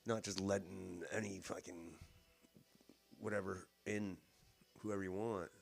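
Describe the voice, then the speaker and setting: Low-voiced man mocking politicians. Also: fairly even intonation, unhurried, vocal fry. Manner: mocking, swears, mimics politicians in a sing-song voice. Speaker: host. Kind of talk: casual political commentary.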